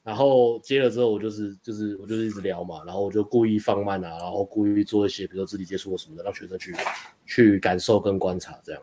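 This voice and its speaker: A young man with a lowish voice tells a story at a fast clip. He is a dating coach in a casual chat, rambling and restarting sentences as he recounts what happened. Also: steady tone, dark tone. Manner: rapid, rambling retelling with frequent restarts and laughs.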